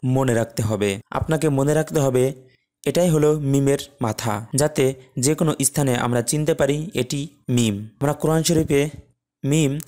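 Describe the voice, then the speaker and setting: Man teaching Arabic letters slowly. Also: medium pitch, mellow. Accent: Bangladeshi Bengali. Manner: slow, drawn-out letter pronunciations between plain explanation. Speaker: Quran recitation teacher. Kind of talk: explanatory lesson.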